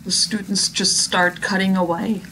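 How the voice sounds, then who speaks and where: A woman's voice: medium pitch, level tone, normal speed, pushed and bright, low-quality recording. A woman instructor giving informal, conversational commentary over a demonstration video, speaking directly to her students. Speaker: biology instructor. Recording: clear background noise, video playing behind.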